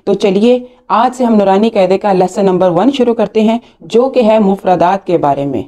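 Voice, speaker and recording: एक महिला शिक्षिका धैर्य से, अक्षरों को खींचकर बोलते हुए, एक-एक कदम पाठ पढ़ाती है, उर्दू लहजे में।. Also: female voice, mid-range voice, warm tone. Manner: patient, drawn-out letter sounds. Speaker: Quran recitation teacher. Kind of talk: slow step-by-step lesson.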